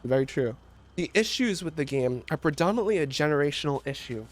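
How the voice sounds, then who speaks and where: A man reacting to a video in casual, animated commentary, rambling and swearing as he tells stories. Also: on the high side, quick pace.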